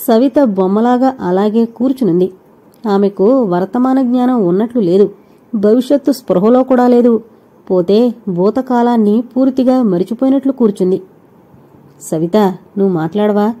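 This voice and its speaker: A woman narrates an audio novel with scripted, steady delivery. Her voice is very dark and mellow. She tells the story evenly and calmly. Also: on the high side, moderate pace, lo-fi sound.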